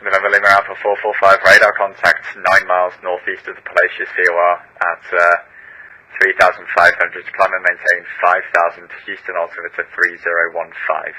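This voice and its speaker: Man, air traffic controller on the radio, deep voice, fast talker, clipped and procedural, tinny channel. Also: monotone, pushed and bright. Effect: radio transmission.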